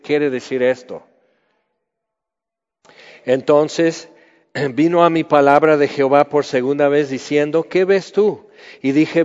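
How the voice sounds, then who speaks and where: A man's voice: mid-range voice, a little mellow. A man preaching a Bible teaching, conversational, asking his listeners questions. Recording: muffled sound with long hall reverb.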